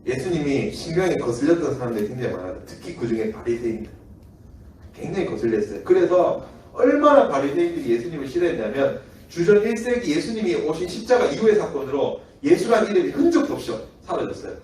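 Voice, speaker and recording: A man with a Gyeongsang accent tells a children's sermon, acting out the people in his stories and often laughing. His voice is mellow and swings widely in pitch. He is heard from a distance in a very echoey church hall. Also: fast talker, a little hiss or hum. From Daegu. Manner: lively, acts out quoted voices, laughs often. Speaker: children's ministry preacher.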